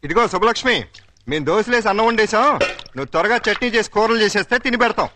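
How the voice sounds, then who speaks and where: Young father, film comedy, bickering banter, lively fast talk, music behind. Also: high-pitched, noisy background. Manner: quarrelsome banter, sudden loud calls. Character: bickering young father, quick-tempered and teasing. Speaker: young father in a pretend marriage.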